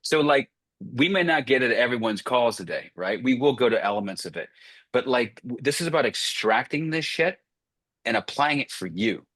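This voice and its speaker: A man's voice: medium pitch, animated, moderate pace, a bit bright, dry recording. A man coaching sales closers on a group video call, blunt and profane, firing off short commands.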